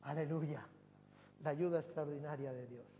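Pastor, male, fervent repetitive preaching, fairly high voice, long church reverb. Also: normal speed, dark tone. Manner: preaching with swelling emphatic cries and repetitions. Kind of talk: sermon. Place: church hall. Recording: long hall reverb, faint hum.

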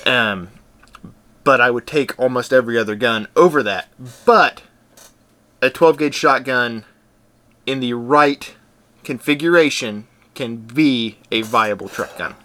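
A man with a bright, forceful voice, co-hosting a casual podcast. He is laid-back and agreeable and often chimes in with quick remarks. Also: medium pitch. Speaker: podcast co-host.

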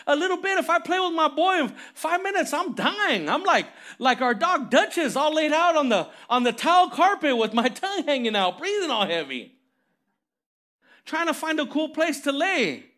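High, bright-voiced man preaching. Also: moderate pace. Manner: animated storytelling, calls for amens. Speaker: pastor. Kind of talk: lively conversational sermon.

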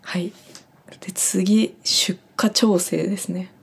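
This young Japanese woman from Japan, who works on a farm, gives a chatty, friendly lesson on the German words she uses there, with many fillers. Her lowish voice is gravelly with a breathy edge, steady in tone and slow.

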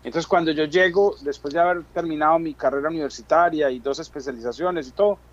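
A middle-aged man with a Colombian accent, a business chamber chairman, tells his own story as an interview guest in conversational Spanish. His voice is slightly high and he talks fast, with the highs cut off in the recording.

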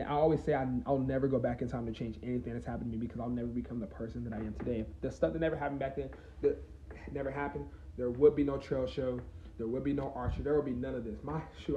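A young man of around twenty hosts his own podcast and thinks aloud in a loose, rambling way, full of "you know" and restarts. His voice is mellow and middle-pitched. The recording is roomy and a little dull, with faint ambience behind him. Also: a little hiss or hum. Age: 20s. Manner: rambling, reflective, many fillers and restarts. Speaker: podcast host. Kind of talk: casual solo podcast talk.

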